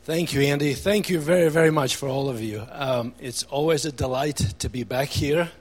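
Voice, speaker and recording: A man from Albania with an Albanian accent, speaking as a guest at a church service and sharing his testimony in an earnest, halting way with many fillers. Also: fairly high pitch, in a large hall.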